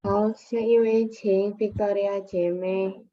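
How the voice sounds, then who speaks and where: A woman calls up each next reader in a flat, even voice. Her video-call audio sounds slightly dull and muffled. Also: medium pitch, slow, slight background noise. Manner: even, formal announcing. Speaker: session moderator.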